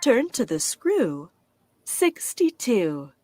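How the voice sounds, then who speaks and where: A woman working as a bingo caller, announcing rhyming number nicknames in short, deliberate, separated calls. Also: a little high, huge pitch swings. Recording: loud music behind the voice. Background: loud music.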